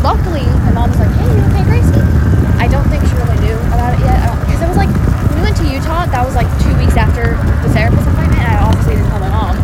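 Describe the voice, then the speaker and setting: A teenage girl vlogging outdoors in a busy public place, chatting in a rambling, self-interrupting way. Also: a little high. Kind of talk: casual chat. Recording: loud outdoor traffic noise. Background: vehicle and outdoor noise.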